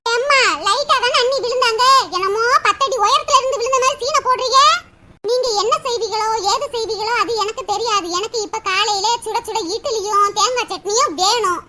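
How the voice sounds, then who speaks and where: A woman's voice: very high voice, a little fast, bright, forceful tone. A woman voicing a cheeky, greedy young sister-in-law, whiny and sarcastic.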